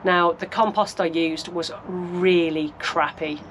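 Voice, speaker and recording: A woman's voice: fairly low pitch, steady tone, takes it slowly, fairly bright tone, a little hiss or hum. A woman from the UK narrating her allotment sowing as she works, chatty and practical, thinking aloud. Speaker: gardening vlogger. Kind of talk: casual narration while working. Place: allotment greenhouse.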